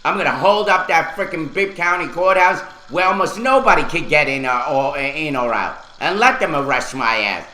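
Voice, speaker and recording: A man's voice: a little high, expressive, moderate pace, hardly any pauses, bright, forceful tone, reverberant, low-quality recording. A man hosting a radio talk show, ranting angrily and swearing at local officials. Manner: furious, profane, ranting. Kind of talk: angry on-air rant.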